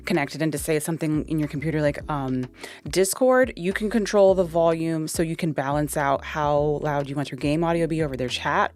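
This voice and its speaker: A young woman giving a casual, chatty product walkthrough into a dynamic podcast mic, with plenty of fillers. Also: deep voice. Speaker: tech reviewer.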